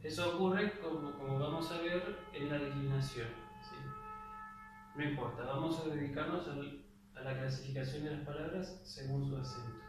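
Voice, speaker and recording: A man's voice: on the high side, moderate pace, music in the background. A young man with an Argentine accent gives a classroom lecture. He explains patiently and keeps checking in with his listeners after each point. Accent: Argentine Spanish. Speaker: teacher. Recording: very echoey room, voice far from the mic, faint noise.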